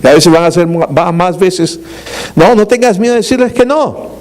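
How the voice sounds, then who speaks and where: A man's voice: sits high, normal speed, darkish tone. A middle-aged male pastor delivering a sermon in a conversational way, with humorous asides and frequent rhetorical questions.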